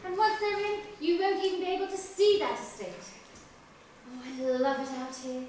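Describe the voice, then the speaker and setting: A woman's voice: extremely high pitch, little pitch movement, normal speed, darkish tone, a little hiss or hum. An actress playing a refined, anxious upper-class mother, genteel and clipped, on stage. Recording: echoey stage from far off.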